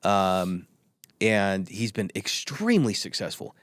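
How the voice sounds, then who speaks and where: A man's voice: fairly low pitch, very animated, slow, no room sound, studio quality. A man speaking as a guest on an interview podcast, arguing his points emphatically and often repeating himself. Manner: emphatic, repetitive, argumentative. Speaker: guest, tech company executive. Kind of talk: opinionated interview talk.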